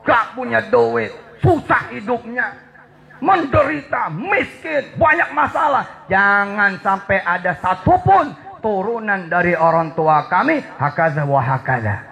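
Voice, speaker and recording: A male preacher delivers a lively sermon to a gathering. He talks straight to his listeners, repeats key words, and swings from soft asides to shouted emphasis. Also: high voice, unhurried, vocal fry, hardly any pauses. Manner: addresses the audience directly and repeats key words.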